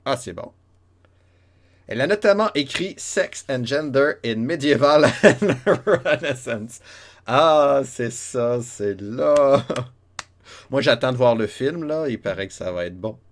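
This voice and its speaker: A man's voice: mid-range voice, expressive, slow. A man with a Quebec French accent giving casual, chatty commentary while playing an old role-playing game, laughing often and talking to his chat. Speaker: streamer playing a retro RPG. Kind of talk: casual let's-play commentary.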